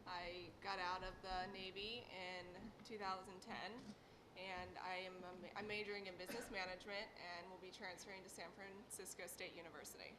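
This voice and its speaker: A woman's voice: fairly low pitch, little pitch movement, normal speed. Young woman panelist over room noise. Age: 20s. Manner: plain and casual, laughs easily. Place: conference hall.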